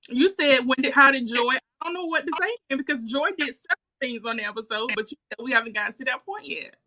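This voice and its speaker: Woman, podcast co-host, bright voice, questioning, pushes back, casual chat. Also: high-pitched, fast.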